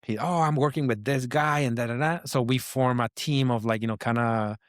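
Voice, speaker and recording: He talks fairly quickly in a medium pitch, a designer from Mexico with a thick Mexican Spanish accent whose first language is Spanish. As a casual interview guest, he spins a rambling story with many fillers and false starts. The audio is clean studio sound without echo.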